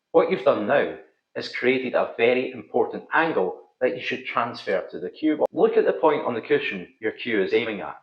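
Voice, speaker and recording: Male instructor, broad Scottish accent, animated pitch swings, tutorial narration in a roomy, echoing space. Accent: thick Scottish. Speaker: pool instructor, video host. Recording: slightly dull, roomy echo.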